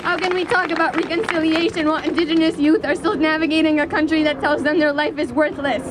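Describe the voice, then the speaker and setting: A woman giving a prepared speech as an activist at a rally, speaking in an earnest, impassioned, deliberate way. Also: sits high, fairly even intonation. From Canada. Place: outdoors in a city square. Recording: outdoor public square with city traffic noise.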